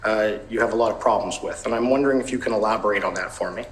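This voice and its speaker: A man's voice: on the low side, very fast, reverberant, a little hiss or hum, poor audio. A man, a lawyer conducting a formal cross-examination with probing, leading questions.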